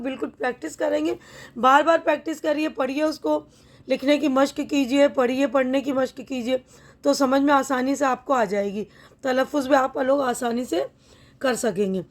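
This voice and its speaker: A young adult woman teacher explaining a textbook lesson patiently, sounding words out slowly and often checking that students follow. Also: high-pitched.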